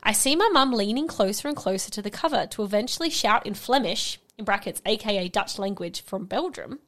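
A young woman hosting a podcast, chatting casually and reading listener stories aloud in a giggly, animated way. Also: mid-range voice, brisk. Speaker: podcast host.

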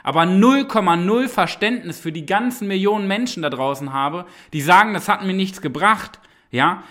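Male podcast host, motivational monologue. Preachy, emphatic, repetitive; voice sits a bit high. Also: fairly bright tone.

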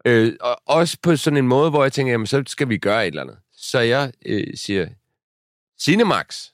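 A man's voice: medium pitch, expressive, no echo, studio quality. A man in his thirties, a podcast co-host, telling a story in casual chat with many fillers and restarts.

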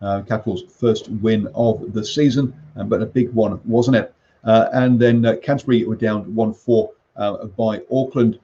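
A man presenting a morning sports briefing in a halting, hesitant way full of ums. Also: on the low side, fairly even intonation, mellow, muffled recording. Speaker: sports show host. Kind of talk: morning sports news briefing, loosely scripted. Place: makeshift home studio under a roof in rain.

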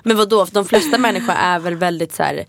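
A young woman co-hosting a podcast in casual chat. She tells stories in a lively way, acts out quarrels and swears casually. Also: fairly low pitch, vocal fry, no echo, studio quality. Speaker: podcast co-host.

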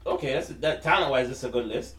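A man's voice: medium pitch, fast talker, fairly bright tone, far from the mic. A man hosting casual sports banter in a slangy, profane, frat-bro teasing manner. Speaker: podcast host. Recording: roomy, off-mic, faint noise.

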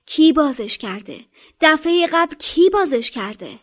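A woman voicing a brave young wizard boy who presses urgently, now hushed, now sharp, in a dramatic book reading. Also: sits high, lively intonation, pitched above the performer's own voice.

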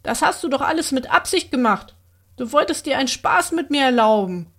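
A young farm boy who dreams of knighthood, his high voice raised and agitated. A woman reads him in a children's storybook. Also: big pitch swings, a little slow, full character voice. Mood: upset.

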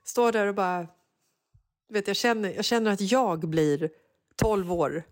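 A woman in her forties co-hosting a chat show, telling a story with lively energy and acting out what people said in a higher voice. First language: Swedish. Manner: animated storyteller, acts out quotes in a high voice. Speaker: podcast co-host. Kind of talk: casual chat.

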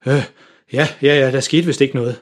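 A man's voice: medium pitch, steady tone, natural voice. A man voicing a clueless, bumbling father in a children's story. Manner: loud, bumbling. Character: clueless excitable dad.

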